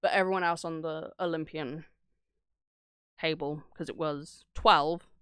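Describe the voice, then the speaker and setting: Deep-voiced and unhurried, she keeps a steady tone that is still fairly bright, clean and free of echo. The woman streams reactions to horror videos, chatting and storytelling in a loose, cursing, irreverent manner and voicing characters' lines as she goes.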